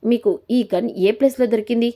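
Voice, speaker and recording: A woman's voice: fairly high pitch, level tone, fairly quick, mellow, natural voice. A woman voicing a grown son who firmly confronts his father and his daughter. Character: grown son, firm and accusing.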